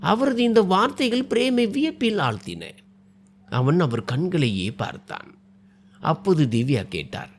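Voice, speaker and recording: A man narrating a short story in a dramatic, scripted storytelling style. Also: high-pitched.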